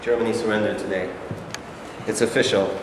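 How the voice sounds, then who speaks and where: In a hall thick with echo and noise, a man reads an army general in a stage play. The voice is lowish, the delivery formal and declarative. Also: steady tone, brisk, lightly acted. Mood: formal, assured. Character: General Marshall, formal male army commander. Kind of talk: amateur staged reading of a play. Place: indoor hall, staged reading. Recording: echoey hall, clear noise.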